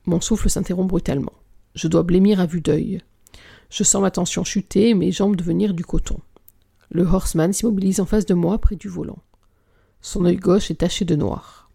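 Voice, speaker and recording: A reader narrating a novel aloud at a measured pace, sometimes sinking into a whisper. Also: mid-range voice, steady tone, gravelly, warm tone, breathy edge. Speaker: audiobook reader.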